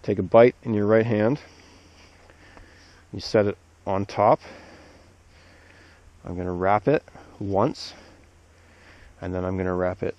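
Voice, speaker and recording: With his voice on the low side, an arborist instructor stands among snow-covered trees and shows how to tie a knot, calmly going one step at a time. The plain, steady explanation is picked up by a head-mounted action camera whose audio sounds dull and lo-fi.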